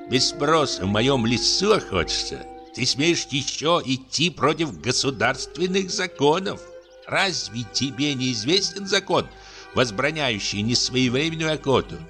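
A man voicing a pompous, sanctimonious landowner gentleman who scolds in a high, drawn-out tenor. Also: sing-song, music in the background. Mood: scolding.

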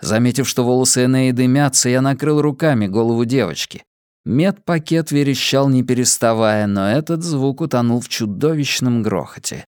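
A man narrates an audiobook in a steady, measured reading voice. His pitch sits in the middle range. The recording is dry and close, with no room echo. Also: clean tone.

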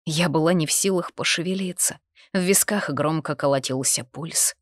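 A woman narrating a first-person fantasy romance audiobook, expressive and intimate. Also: low-pitched, moderate pace, dry recording, studio quality.

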